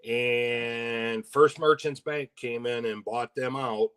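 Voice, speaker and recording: Man from michigan, co-host, casual chat, wry and laughing, mid-pitched voice. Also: steady tone, takes it slowly, fairly bright tone, clear, resonant tone. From Michigan, USA. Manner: chatty, laughs easily, wry asides. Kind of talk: casual live-stream chat.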